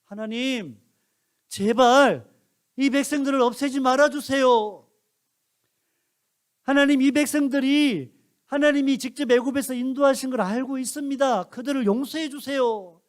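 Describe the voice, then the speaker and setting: A man's voice: extremely high pitch, moderate pace, voice pushed up. A man does an earnest old prophet imploring God to spare his people. The voice is raised and urgent. It is delivered as part of a children's Bible story. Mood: pleading.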